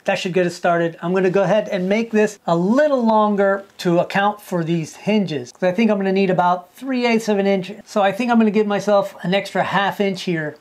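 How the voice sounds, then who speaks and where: In his home workshop, a man in his fifties builds a fishing lure step by step, thinking aloud as he demonstrates. His voice is high-pitched and brisk, with few pauses.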